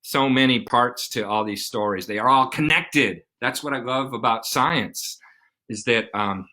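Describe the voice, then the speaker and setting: Male science host, middle-aged, playful and enthusiastic, bright forceful voice. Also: medium pitch, unhurried. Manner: enthusiastic, playful, acts out little scenes. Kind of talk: explaining science to kids on a live stream.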